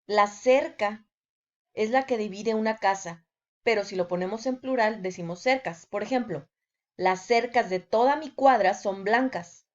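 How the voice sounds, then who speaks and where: Female teacher, measured scripted lesson delivery, slow pace, slightly muffled recording. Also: medium pitch. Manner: slow, deliberate delivery with example sentences. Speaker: language teacher.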